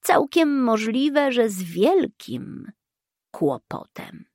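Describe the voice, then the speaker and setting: Woman doing a gruff threatening male assassin, slow and harsh, dry sound. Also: on the high side, sing-song, a little mellow, no echo, voice pushed up, exaggerated voice. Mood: hostile.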